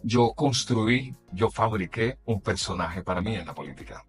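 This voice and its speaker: A middle-aged Colombian journalist with a deep, low voice recounts his career in a relaxed interview. He tells animated stories and laughs often, with faint music under him. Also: moderate pace. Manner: animated anecdotes with frequent laughter. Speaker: journalist and announcer. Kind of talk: casual interview storytelling.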